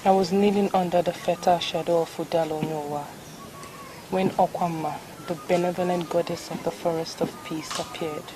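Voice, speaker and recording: A woman's voice: on the low side, steady tone, brisk, noisy background, natural voice. A woman with a Nigerian accent playing an earnest, pleading queen in a film drama, with formal phrasing. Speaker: actor. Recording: prominent film music behind the voice. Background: music.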